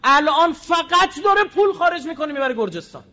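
High-voiced man giving a fiery speech. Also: lively intonation, long reverb tail, lo-fi sound. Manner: combative, with rhetorical questions and sudden swings between loud and quiet. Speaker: public speaker.

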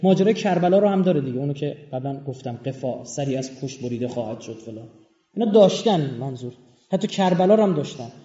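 A man's voice: medium pitch, animated, dark tone. A man giving a religious lecture, explaining scripture emphatically and spelling out words letter by letter. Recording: roomy, dull lo-fi recording.

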